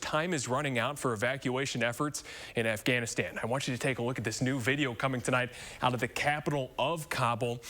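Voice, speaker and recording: A man anchoring a local evening newscast, reading the stories in a steady, measured way. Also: medium pitch. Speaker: news anchor. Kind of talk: scripted news reading.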